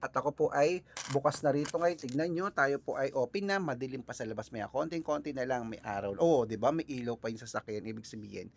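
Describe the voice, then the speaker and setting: A man from the Philippines hosting a casual vlog, chatting with viewers and reading out lucky numbers in a lively way. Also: mid-range voice, fast talker, creaky, a little hiss or hum. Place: early morning, on his way out, with cars passing.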